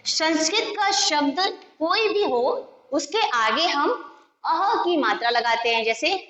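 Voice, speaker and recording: Slow, high-voiced woman teaching phonics. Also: animated, a bit bright. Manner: slow and deliberate, stretching out and repeating each sound; mixes English words into Hindi explanations. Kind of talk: slow, drawn-out Hindi phonics lesson for young children. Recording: echoey room with long reverb.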